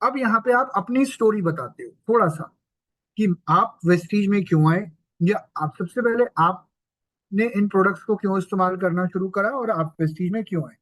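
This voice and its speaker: A man with a fairly high voice teaches a sales training session. He explains points one at a time and keeps checking that his listeners follow. The sound is dry and close, with no room echo. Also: normal speed, fairly bright tone. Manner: explains step by step and checks in with the audience; mixes English terms into Hindi. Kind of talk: training lecture.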